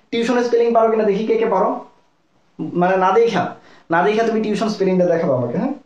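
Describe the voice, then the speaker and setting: A young man from Bangladesh giving a live online lesson as a medical admission tutor, talking fast and often checking in with his listeners. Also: sits high, a little mellow. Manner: rapid, repetitive, keeps checking in with listeners. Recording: echoey, dull lo-fi room sound.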